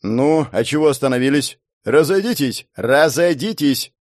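A man's voice: mid-range voice, expressive, moderate pace, a little mellow, no echo, studio quality, lightly acted. A man voicing a stern, bossy police constable giving orders. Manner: commanding.

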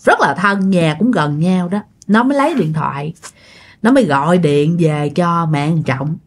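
A woman's voice: on the low side, animated, normal speed. A woman telling a ghost story casually, chatting directly to her listeners.

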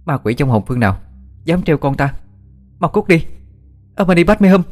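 A man voicing a frightened but fierce young mother in a ghost story, shouting at a ghost. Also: fairly high pitch, very animated, fairly quick, soft background music, voice pushed up.

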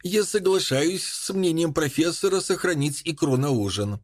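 A man voicing a courteous male guest with a Scottish accent who speaks slowly and deliberately. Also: fairly high pitch, very animated, voice pushed up. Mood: polite. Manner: slow, deliberate. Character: measured courteous older Scotsman.

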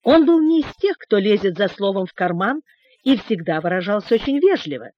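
A woman's voice: medium pitch, very animated, brisk. Woman narrating a storybook. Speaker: audiobook narrator. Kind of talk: scripted narration. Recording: dull, dry recording.

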